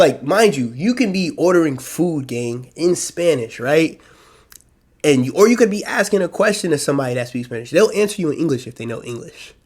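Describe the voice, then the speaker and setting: A young American man talking casually to his channel, rambling and loose with lots of slang and fillers. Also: on the high side. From United States. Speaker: YouTube vlogger. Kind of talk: casual solo talk to camera.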